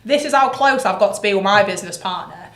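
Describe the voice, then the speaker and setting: Sweary animated British woman. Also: mid-range voice, fast. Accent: British English. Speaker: podcast guest, property investor. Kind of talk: casual podcast chat. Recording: roomy echo.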